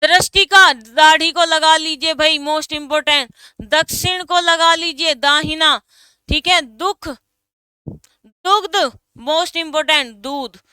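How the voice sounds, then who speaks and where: A young woman with a high voice teaches an exam coaching lesson. She reads word pairs out one by one and leans hard on the items that matter most. She speaks slowly and evenly. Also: fairly even intonation, bright, forceful tone, no room sound. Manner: drills word pairs, stresses key items.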